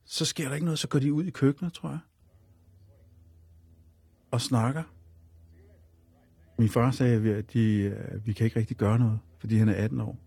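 A man with a gravelly, husky voice recounts his own story, rambling and circling back with fillers. His tone is dark and mellow, and the recording is close and dry. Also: mid-range voice, fairly even intonation, pauses often, dry recording. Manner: rambling and repetitive, leaning on fillers. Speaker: guest telling his life story. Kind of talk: personal storytelling on radio.

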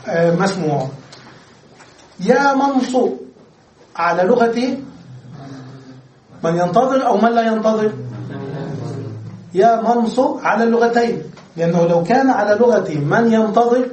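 A man with a high-pitched voice gives a patient classroom grammar lecture. He lays out each rule step by step and keeps asking the class if they follow. He is recorded from across an echoey room, so his voice sounds distant. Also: a little mellow, slight background noise. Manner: explains step by step, often checks understanding with questions. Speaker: Arabic grammar teacher. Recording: echoey room, voice far from the mic.

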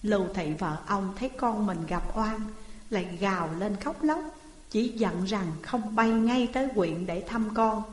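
Woman reading an old court tale, steady and earnest, roomy echo, long reverb. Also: medium pitch, measured pace. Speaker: storyteller. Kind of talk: narrated folk tale reading.

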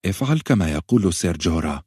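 A man's voice: deep voice, big pitch swings, fast, warm tone, husky, dry recording, clean studio sound, exaggerated voice. A man voicing a young pregnant princess who speaks in a cool, commanding way in an audiobook. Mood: firm.

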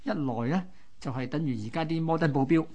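A Hong Kong Cantonese-accented man co-hosts a radio show, recounting local history in a colloquial, explanatory, conversational way. His voice is fairly high and mellow, and he talks fast.

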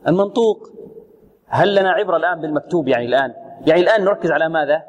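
A man teaching Quran recitation to students, questioning them constantly and demonstrating pronunciation with slow, drawn-out examples. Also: a little high, highs cut off. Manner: questioning, drills students with repeated prompts. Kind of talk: tajweed lesson with students. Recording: long reverb, radio broadcast.

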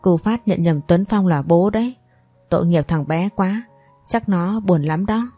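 A kindly old woman who fusses over her family, read by a woman narrator. Her low, mellow voice comes across warm and motherly. It is a dry recording with soft music underneath. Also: measured pace, breathy edge, no room sound. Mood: sorrowful.

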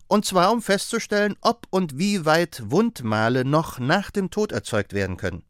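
Brief: male reader plays an amused, gossipy young assistant, raised pitch, lively melody. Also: normal speed, clean tone, dry recording, clean studio sound. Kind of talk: audiobook character voice.

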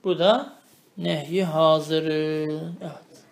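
Man teaching a slow, drawn-out grammar lesson. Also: on the high side, steady tone, creaky, roomy sound. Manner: reads Arabic phrases slowly, then explains them, often asking the student questions. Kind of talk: traditional religious lesson, explaining a text line by line.

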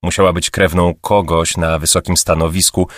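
Deep-voiced male audiobook narrator. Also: no echo, studio quality. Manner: steady measured reading. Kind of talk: scripted narration.

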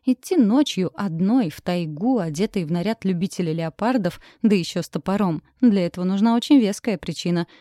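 A woman's voice: medium pitch, expressive, brisk, few pauses, warm tone, no room sound, clean studio sound, natural voice. A woman doing a mocking bearded brute. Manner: mocking teasing. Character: mocking burly bearded man, teasing.

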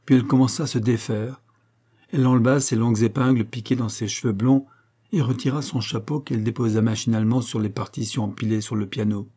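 Husky-voiced male audiobook narrator. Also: medium pitch, fairly even intonation, brisk, mellow. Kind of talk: scripted narration.

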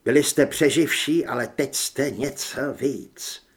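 A man's voice: mid-range voice, husky, close to an everyday voice. Brief: male reader as a stern commander rallying new hunters. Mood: rousing. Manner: rousing, measured, speech-giving. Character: stern male leader addressing recruits.

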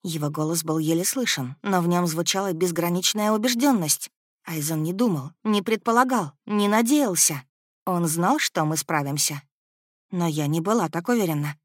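A woman narrating a first-person audiobook in a measured, emotive reading. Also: on the low side, no room sound, clean studio sound.

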